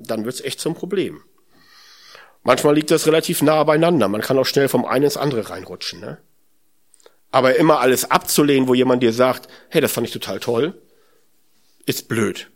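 A man giving a spoken sermon in a conversational way, musing aloud, asking rhetorical questions and often adding "ne?". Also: medium pitch. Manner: conversational, often adds tag "ne?".

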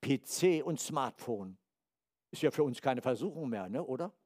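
Animated older German-speaking man preaching. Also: mid-range voice, moderate pace. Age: 70s. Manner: lively, animated preaching with acted-out quotes and sudden drops to quiet asides. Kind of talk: sermon.

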